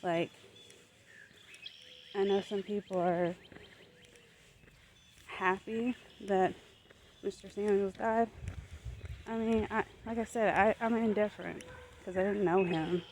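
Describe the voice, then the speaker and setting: A woman records a casual vlog on her phone as she walks uphill outdoors. She speaks slowly, with an unhurried, reflective and gently encouraging manner. Her voice sits at a middle pitch, with faint natural outdoor sound behind it. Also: fairly even intonation, slight background noise. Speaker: lifestyle vlogger. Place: outdoors walking up a hill.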